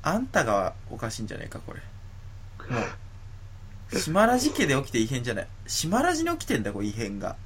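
A man's voice: mid-range voice, wildly swooping pitch, quick pace, a bit bright, slight background noise. A man co-hosting a casual comedy radio talk show, reading listener letters in a mock-formal tone and teasing his partner with frequent laughter.

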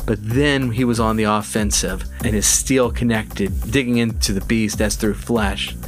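A man reading fantasy narration for an audiobook in a measured, even way. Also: lowish voice, faint music behind.

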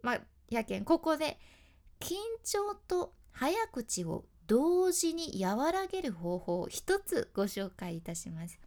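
Lady coaching how to talk, kinda high voice, bouncy and animated, chatty. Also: slow. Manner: chatty, explains step by step with spoken examples. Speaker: announcer teaching speaking skills. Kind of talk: casual instructional talk.

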